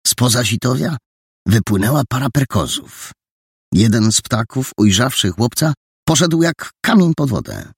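Gravelly, expressive male narrator. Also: mid-range voice, unhurried, no room sound, clean studio sound. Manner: expressive, many character voices. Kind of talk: audiobook narration.

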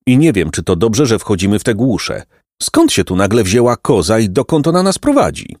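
A man voicing a cheerful, bold boy in a high, lively voice. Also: normal speed, no echo, clean studio sound.

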